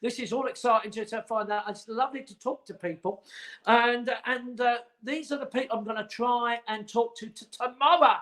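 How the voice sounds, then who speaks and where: Chatty high-voiced man hosting from home. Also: fairly even intonation, normal speed, fairly bright tone. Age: 40s. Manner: rambling, teasing, chatty. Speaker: host. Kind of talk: casual livestream chat.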